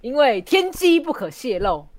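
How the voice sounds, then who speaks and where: A woman's voice: high-pitched, very animated, normal speed, darkish tone, no room sound. A woman co-hosting a podcast, telling jokes in a playful, teasing casual chat.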